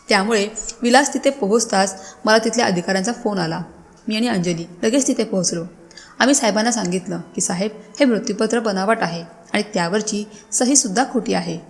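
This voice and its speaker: A woman tells a story in the first person, steady and measured, in a middle pitch. A long hall reverb trails her words. The telling stays even throughout.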